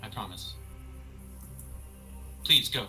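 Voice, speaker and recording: A man voicing a kind, protective young woman adventurer who speaks gently and reassuringly. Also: on the low side, lively intonation, slow pace, faint music behind, exaggerated voice, rough recording.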